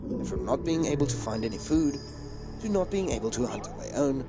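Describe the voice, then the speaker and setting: A man's voice: medium pitch, expressive, a little fast, music in the background. A man reading scripted narration for a wildlife documentary.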